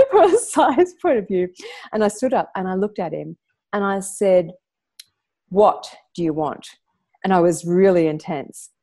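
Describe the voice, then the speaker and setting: A woman, a podcast guest telling an intense story in casual chat. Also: lowish voice. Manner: animated, intense storytelling with laughs.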